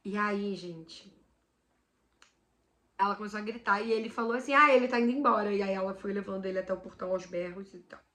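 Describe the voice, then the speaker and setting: A woman hosting a vlog, telling a supernatural story in an animated way, dropping to a hush and then bursting out loud. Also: medium pitch, fairly quick, pauses often. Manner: animated, swings between hushed and loud outbursts. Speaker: channel host.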